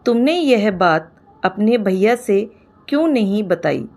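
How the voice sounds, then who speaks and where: A woman voicing a young married woman who is hurt and quick to anger, speaking sharply in a storybook reading. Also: medium pitch, lively intonation. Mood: pained. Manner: sharp, raised voice when angry.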